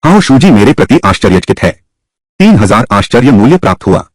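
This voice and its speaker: A man voicing a Hindi dub of a short drama with a husky, theatrical delivery. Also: mid-range voice, very animated, brisk, no echo. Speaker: dub voice actor.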